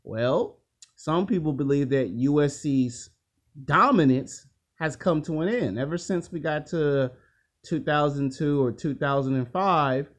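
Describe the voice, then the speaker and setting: A man hosting his own video, talking casually and excitably about college football in a rambling way, with sudden hyped-up outbursts. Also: fairly high pitch, a little slow. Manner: rambling, excitable, with bursts of shouting. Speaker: YouTube host. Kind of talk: casual sports commentary vlog.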